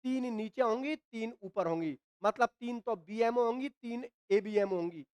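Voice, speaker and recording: A man's voice: very high-pitched, moderate pace, a little mellow, smooth, no echo. A male chemistry teacher with a Hindi accent, lecturing at a board with a dry throat and coughs. He asks his students questions, answers them himself and keeps checking in with them. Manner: repeats points, often says "ठीक है ना". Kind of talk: classroom lecture at a whiteboard.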